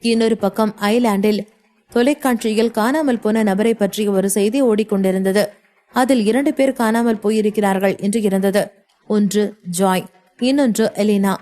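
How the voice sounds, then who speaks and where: A woman narrating a novel in a steady storytelling manner. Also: mid-range voice, normal speed. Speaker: audiobook narrator. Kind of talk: scripted narration.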